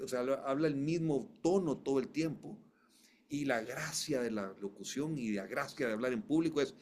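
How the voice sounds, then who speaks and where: A male voice coach talks through his ideas in a relaxed interview, his pitch sitting right in the ordinary middle for a man. He leans on repetition and keeps restarting his sentences. The delivery is emphatic and conversational. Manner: emphatic, repeats phrases, frequent restarts.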